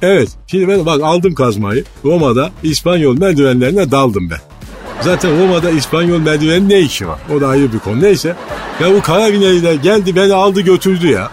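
A blustering club president. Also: male voice, a little high, very animated, brisk, darkish tone, soft background music. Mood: rambling. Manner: rambling boastful storytelling, ranting insults. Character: blustering male football club president, boastful and hot-tempered. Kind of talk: radio comedy sketch.

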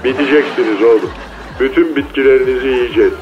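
A man's voice: mid-range voice, fast talker, slight background noise. A man voicing a cocky, slangy male mole cricket who speaks over a phone line in a comedy radio sketch. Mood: taunting. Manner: slangy, boastful, taunting street talk. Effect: heard over a phone line.

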